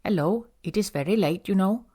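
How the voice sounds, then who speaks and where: A man's voice: high voice, a little mellow, husky. A woman voicing a genial drunken Indian motel manager. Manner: slow, careful, genial speech.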